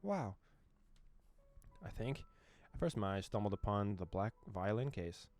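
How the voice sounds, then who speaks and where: A young man who makes gaming videos on YouTube reads a visual novel aloud, translating lines while joking around and laughing frequently. He speaks unhurriedly in a fairly low, slightly mellow voice with lively intonation.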